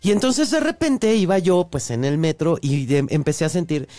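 A woman's voice: lowish voice, normal speed, no echo. A young woman with a Mexican accent, a podcast guest telling stories in casual chat and acting out the voices of the people in them. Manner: lively, animated storyteller who acts out voices. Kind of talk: casual drunk storytelling.

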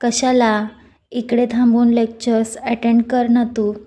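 A woman voicing a gentle, soft-spoken young woman who speaks hesitantly in a storybook reading. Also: a little high, flat delivery, measured pace.

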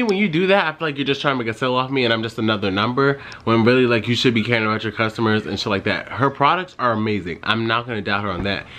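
This young man's mid-range voice sounds pushed and bright as he vlogs casually, starting in his car before moving home. His storytelling wanders and stays chatty, with "like" cropping up constantly along with plenty of asides.

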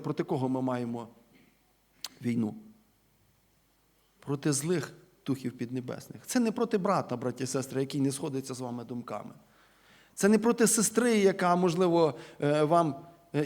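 A man from Ukraine preaching a sermon in a church. He addresses the listeners as brothers and sisters, asks them rhetorical questions, and stresses key words loudly before letting his sentences fall away quietly. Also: a little high. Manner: emphatic, rhetorical questions, swings between loud stresses and quiet falling endings.

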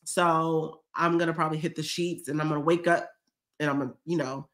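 A woman with a deep, steady, slightly bright voice speaks a little fast. She's a teary vlogger on a live stream, chatting casually and emotionally as she reads her viewers' comments.

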